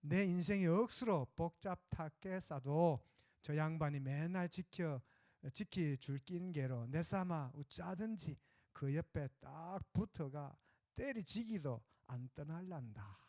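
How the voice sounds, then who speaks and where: A man's voice: fairly high pitch, animated, darkish tone. A man putting on a blunt Gyeongsang country speaker. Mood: earthy. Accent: Gyeongsang dialect. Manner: slow, earthy, blunt country phrasing. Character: folksy rough-spoken Gyeongsang man reciting a psalm. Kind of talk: sermon illustration, dialect recitation.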